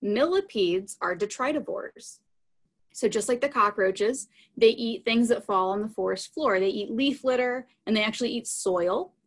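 Pitched fairly high and speaking at a normal speed, a woman in her thirties gives an informal live science lesson with live animals, taking questions from the audience. Her explanations are plain and simple, aimed at children. She's in a small room at home, on a video call through a computer mic.

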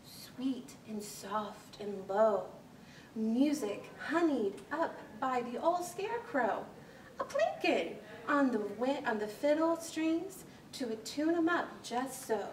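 A librarian in her thirties reads a rhyming picture book aloud in the children's corner of a small library, her voice sitting high. Her storytelling is expressive, animated, deliberate and rhythmic as she works through the verse. A camera a few metres away picks her up, so the room sounds echoey with a faint hiss.

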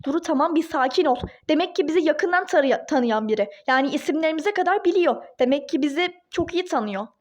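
A woman voicing a calm, soothing young husband in a toy-game role-play drama, talking in a reassuring way. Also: sits high, fast talker, few pauses, slight background noise. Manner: calming, reassuring.

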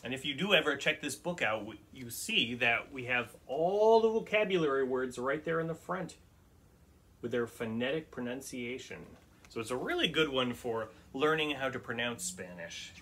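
A man reading a picture book aloud for children's storytime, often pausing to ask the listeners questions about words. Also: medium pitch, lively intonation, pushed and bright, a little hiss or hum.

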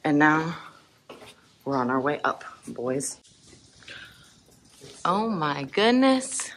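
A woman's voice: low voice, big pitch swings, extremely slow, a bit bright, slight background noise. A young woman vlogging as she explores an abandoned hospital, chatty and laughing often, recorded on a handheld camera. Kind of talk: casual vlog narration.

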